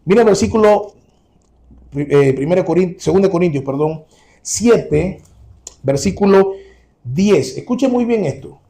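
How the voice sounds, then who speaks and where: A man's voice: high-pitched, lively intonation, a little slow, long pauses, dark tone. A man preaching a sermon to his congregation, earnest and direct, repeating his key points.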